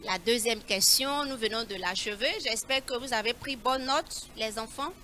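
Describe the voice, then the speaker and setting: A woman leading a children's Bible riddle quiz, reading each clue slowly and repeating it in a coaxing way. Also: fairly high pitch, pushed and bright.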